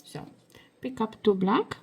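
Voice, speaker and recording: A woman hosting a beading tutorial, giving soft step-by-step instructions, her voice hoarse as if she is losing it. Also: on the high side, lively intonation. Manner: soft, slow, half-whispered while working.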